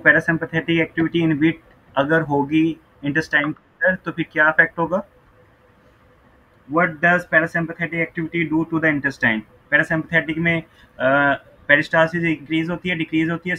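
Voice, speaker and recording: Man, online physiology lecture, bilingual questioning manner, bright tone, dull recording. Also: on the high side, flat delivery, normal speed. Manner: mixes Hindi-Urdu and English, asks students questions and waits; repeats checks like "ok" and "right?".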